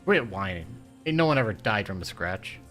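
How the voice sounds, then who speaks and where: A vulgar, quick-tempered old grandmother who barks her words bluntly and loudly, as a man puts her on. Her gruff voice carries real force. Faint music sits beneath the story. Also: on the low side, big pitch swings.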